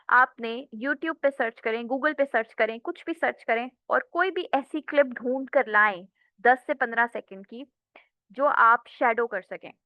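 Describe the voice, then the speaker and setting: A woman's voice: fairly high pitch, no echo, muffled recording. A woman teaching an English lecture, explaining step by step and often checking in with the class.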